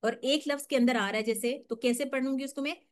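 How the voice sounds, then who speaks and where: A woman's voice: sits high, fairly even intonation. Patient woman teaching Quranic recitation. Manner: patient, explains step by step, models slow drawn-out recitation. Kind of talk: online tajweed lesson.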